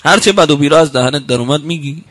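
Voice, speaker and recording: A man preaching a sermon, quoting Arabic sayings slowly and then explaining them, with emphatic rebukes that climb loud and high.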